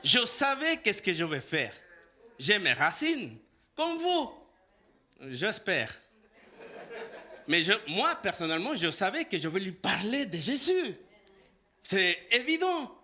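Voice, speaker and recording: A man preaches in French, his voice high and very bright. He tells a personal story and acts out every bit of dialogue. His pitch leaps up and down as he laughs his way through it. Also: big pitch swings, takes it slowly, pauses often. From El Salvador.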